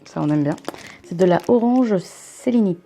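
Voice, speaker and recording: Unboxing a subscription box at home, a young vlogger talks into her camera mic in a chatty, rambling way, poking fun at herself. Her mid-range voice is warm and expressive at a normal speed, with faint music behind.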